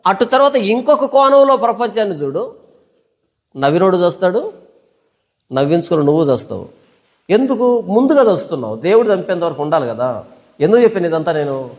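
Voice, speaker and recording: Male pastor, high pitch, emphatic sermon delivery full of rhetorical questions, long reverb tail. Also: sing-song, brisk, long pauses, a little mellow.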